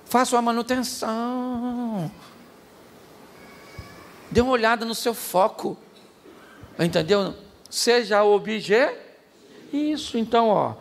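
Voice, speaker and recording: A Brazilian man preaching a sermon as pastor, animated and joking, shouting out the lines he acts out. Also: high voice, gravelly, a little hiss or hum. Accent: Brazilian Portuguese. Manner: animated, jokey, shouts acted-out quotes. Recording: reverberant hall, faint ambience.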